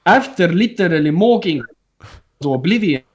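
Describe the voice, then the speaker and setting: This Estonian-native man speaks in a high voice with lively intonation at a moderate pace. He's a guest on a casual group video call, blunt and foul-mouthed as he wanders through his stories.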